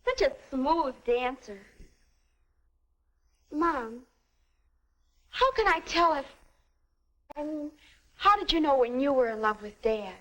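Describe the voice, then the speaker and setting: Dreamy 1950s American teen girl, high voice, swooping intonation, wholesome, stagy film acting. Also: lively intonation, takes it slowly, long pauses, fairly bright tone, full character voice, rough recording. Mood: wistful, curious.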